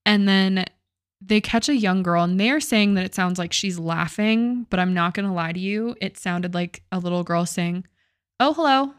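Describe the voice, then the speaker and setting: Casting: young woman, lowish voice, loose chatty podcast host, swears, dry booth sound. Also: moderate pace, smooth, no echo. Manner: casual, swears, many "like" fillers. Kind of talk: casual storytelling chat.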